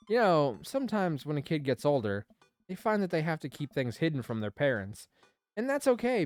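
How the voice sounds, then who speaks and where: A streamer plays a dating game, reading the dad's lines and adding chatty, rambling asides as let's play commentary. The voice is mid-range and a little mellow.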